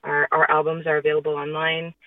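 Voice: medium pitch, completely flat delivery, brisk, no room sound. A middle-aged musician chatting casually as a guest in a radio interview. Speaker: musician guest in a band duo. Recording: distant phone-like radio call.

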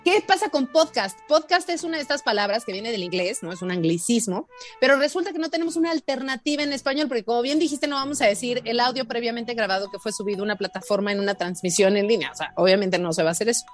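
A woman's voice: on the high side, lively intonation, fast, soft background music. A woman teaching spelling and grammar as a guest on a radio show, teasing and emphatic, laughing often. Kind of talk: playful radio quiz lesson.

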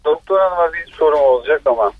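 A man's voice: on the high side, expressive, quick pace, no room sound. A man calling in over a landline phone, asking a question in a hesitant way with many fillers. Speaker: caller. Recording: muffled phone line.

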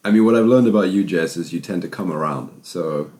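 A man's voice: low-pitched, a little fast, darkish tone, a little hiss or hum. A man with a Zimbabwean accent co-hosting a podcast in casual, conversational style. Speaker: podcast co-host.

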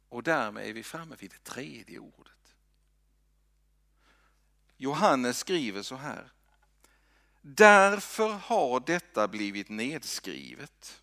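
A man preaching a sermon in a church, swinging from loud lines to hushed whispers. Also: mid-range voice, gravelly, no room sound. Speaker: pastor.

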